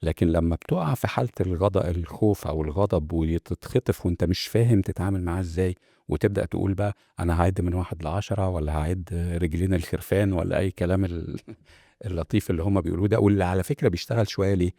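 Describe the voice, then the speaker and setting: A man's voice: low-pitched, racing, creaky, mellow, no room sound, clean studio sound. A man with an Egyptian accent hosting a casual self-help talk. He speaks to viewers directly, with many fillers and restarts. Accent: Egyptian Arabic. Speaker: host.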